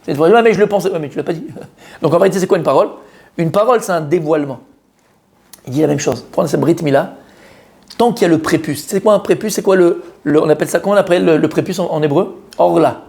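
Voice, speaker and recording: A man's voice: on the high side, quick pace, a little mellow. A man, a rabbi, giving an informal Torah lesson to a live group, talking straight to his listeners and repeating key words with many fillers. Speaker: rabbi teaching a Torah class.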